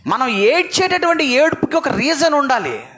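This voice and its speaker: A man's voice: very high-pitched, big pitch swings, moderate pace, fairly bright tone. A man preaching a sermon to a congregation, asking them questions and repeating phrases for emphasis.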